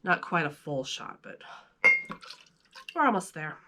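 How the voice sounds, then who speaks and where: A woman with a low, sing-song voice speaks unhurriedly in a pushed, bright tone. She hosts videos in a playful, chatty way, shifting between casual vlog talk and reading children's stories aloud.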